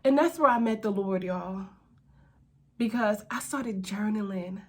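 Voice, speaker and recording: A woman's voice: mid-range voice, a little slow, darkish tone. A young adult woman hosting her own channel, telling a personal faith testimony in an earnest, conversational way, speaking to viewers directly as y'all. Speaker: host.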